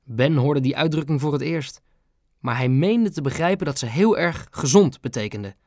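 An audiobook narrator telling a children's story with a lively, animated melody. The reading is close-miked and dry. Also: mid-range voice, moderate pace, no room sound.

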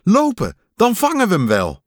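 A man voicing a friendly, patient male frog who answers his friend gently and obligingly. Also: high-pitched, huge pitch swings, moderate pace, no room sound, studio quality, voice pushed up, full character voice. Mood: hurried.

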